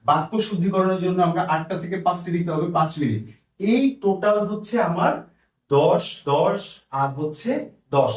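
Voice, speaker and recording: A male tutor giving a brisk exam-prep lesson, tallying minutes aloud and repeating figures as he goes. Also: high voice, darkish tone, reverberant, distant mic.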